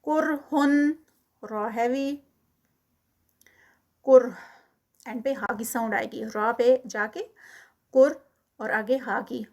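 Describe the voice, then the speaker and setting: A woman with a somewhat high voice gives a recitation lesson. She draws each word out slowly and clearly, then drops to a softer, brisker voice to explain the rule. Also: fairly even intonation. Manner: slow drawn-out model recitation, then quiet quick explanation. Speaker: Quran recitation teacher. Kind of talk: recitation lesson, Urdu with English terms.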